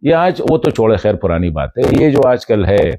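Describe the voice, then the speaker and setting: A man's voice: fairly low pitch, sing-song, noisy background. A man from northwest Pakistan giving a commentary, speaking straight to a colleague with rhetorical questions and respectful reproach. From Khyber Pakhtunkhwa, Pakistan. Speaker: journalist and commentator. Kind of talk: direct-address commentary video.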